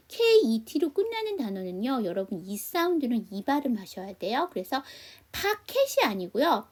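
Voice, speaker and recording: A woman teaching an English class online, explaining step by step and answering her own questions to the class. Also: fairly high pitch.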